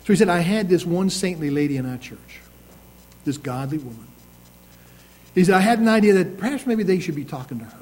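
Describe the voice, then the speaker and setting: A high-voiced man preaches a sermon with a mellow, dark tone. He leans on slow, emphatic phrasing when he reads scripture. Between readings he drifts into conversational asides full of restarts. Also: animated, low-quality recording. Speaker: pastor.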